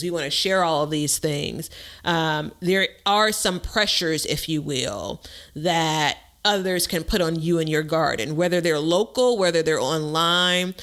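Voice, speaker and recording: A man's voice: sits high, bright, forceful tone. A man hosting a podcast in casual chat, talking in a conversational, discursive way. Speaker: podcast host.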